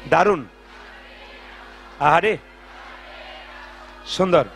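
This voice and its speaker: A man preaching at a devotional gathering, telling stories and urging the crowd to chant along louder. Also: on the high side, very slow, vocal fry, soft background music. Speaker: kirtan singer and preacher. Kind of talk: devotional sermon and call-and-response chanting. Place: large gathering with live audience.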